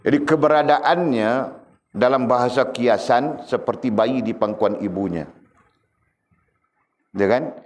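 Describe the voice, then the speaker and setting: A man's voice: mid-range voice, a little slow, pauses often. A middle-aged man gives a religious lesson, teasing his listeners and asking them again and again whether they understand. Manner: lively, teasing, keeps quizzing listeners. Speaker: religious teacher. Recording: dull lo-fi room recording with faint background hiss.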